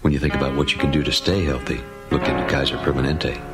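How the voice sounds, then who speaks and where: A man's voice: rumbling low, flat delivery, quick pace. A man delivering a scripted radio advertisement as its announcer. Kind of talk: scripted ad voice-over. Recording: loud music behind the voice.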